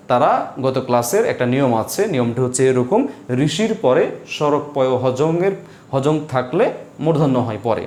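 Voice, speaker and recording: In a live online spelling class, a man with a fairly high, reverberant voice patiently drills his students, posing questions and then answering them himself.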